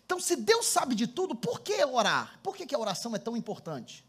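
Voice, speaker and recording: A man preaching a sermon as pastor, telling stories with animated energy and calling on the congregation to answer. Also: extremely high pitch, fairly quick, husky. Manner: storytelling, animated, laughs often, calls congregation to respond. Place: church hall before a congregation. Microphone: handheld microphone.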